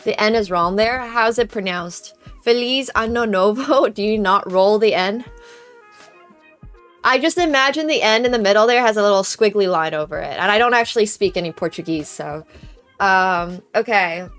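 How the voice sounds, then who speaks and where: A young live-stream host, a native speaker of Chinese, keeps up friendly chatter with viewers, thanking them and trying greetings in numerous languages. She talks at normal speed in a medium-pitched, fairly bright voice over faint background music.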